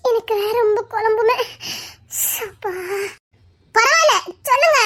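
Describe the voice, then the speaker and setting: A woman with a very high, fairly bright voice speaks unhurriedly in a casual couple vlog. As the wife, she pleads, laughs and whines while coaxing her husband to talk.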